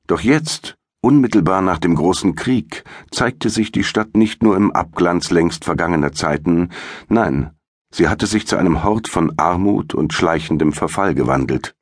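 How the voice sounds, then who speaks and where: A man narrates a first-person audiobook in a measured, dramatic way. His voice is extremely low and slightly husky, and the recording is dry and close, with no echo or room sound.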